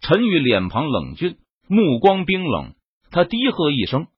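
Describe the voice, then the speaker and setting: Lively husky male audiobook narrator. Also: on the high side, a little slow, no room sound. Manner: expressive storytelling. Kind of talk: dramatic web novel narration. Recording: dull lo-fi dry recording.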